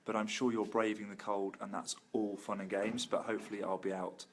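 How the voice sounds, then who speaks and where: Male vlogger, lowish pitch, informal and upbeat, speaking casually to followers. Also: little pitch movement, a little fast, slight background noise. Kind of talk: casual video update to friends and followers.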